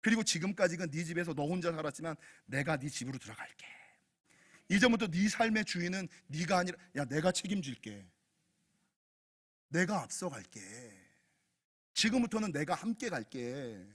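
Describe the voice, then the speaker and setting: A man preaching and voicing Jesus as a gentle, reassuring man calling someone down from a tree. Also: a little high, animated, moderate pace, pitched below the performer's own voice. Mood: tender.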